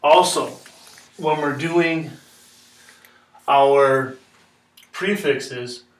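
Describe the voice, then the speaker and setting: A male chemistry teacher explains patiently, step by step, repeating the steps and checking in with "okay?" His voice is a little high and he draws out his words. The classroom echoes, and the mic is far off.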